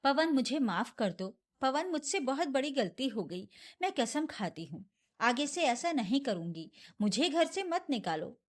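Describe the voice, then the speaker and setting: A woman's voice: high voice, big pitch swings, measured pace, exaggerated voice. A woman voicing a cruel, scheming young daughter-in-law who talks in a harsh, threatening, mocking way. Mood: pleading.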